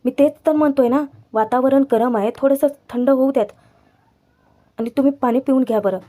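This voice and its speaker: A woman's voice: high voice, fairly quick, close to an everyday voice. Woman reading as a firm, protective young bodyguard. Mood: soothing. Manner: firm, calming.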